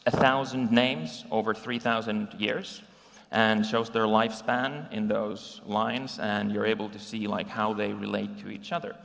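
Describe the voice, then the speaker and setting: Recorded live in a conference hall, a man from Finland in his forties talks conversationally over slides, often saying um and restarting. His voice sits on the low side, a bit bright, with vocal fry.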